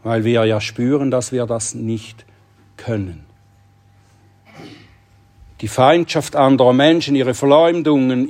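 Slow, earnest high-voiced male preacher. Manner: earnest, emphatic delivery with dramatic drops to a hush. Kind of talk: sermon.

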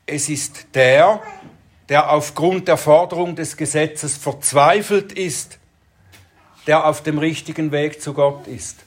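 A preacher delivers an expository sermon, working through Bible verses in a deliberate, measured manner. His voice sits in the mid-range with a breathy edge.

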